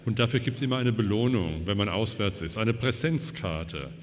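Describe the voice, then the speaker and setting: A man's voice: lowish voice, lively intonation, normal speed. A man making a casual announcement to a club meeting, repeating himself as he talks. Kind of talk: public announcement. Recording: long hall reverb.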